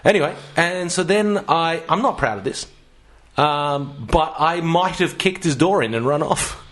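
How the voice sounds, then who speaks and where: A man's voice: fairly high pitch, animated, a little slow, fairly bright tone. A man, co-hosting a comedy podcast and telling stories in casual, sweary chat. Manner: swears freely, tells stories with laughs. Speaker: podcast co-host.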